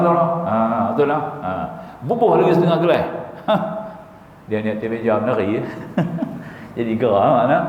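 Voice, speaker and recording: A man giving a religious lecture, telling stories with humor and often asking the listeners whether they see his point. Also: medium pitch. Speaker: religious teacher. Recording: echoey hall, dull lo-fi sound, faint hiss.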